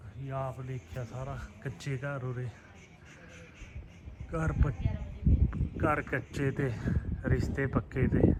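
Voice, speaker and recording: A man with a Puadhi Punjabi accent gives relaxed, reminiscing narration as he walks and films outdoors in a village on a handheld phone. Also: medium pitch, slow, long pauses, very noisy. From Punjab, India. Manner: reminiscing, relaxed, loosely strung phrases. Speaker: vlogger. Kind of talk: casual walking vlog narration. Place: outdoors in a village, on rooftops and lanes.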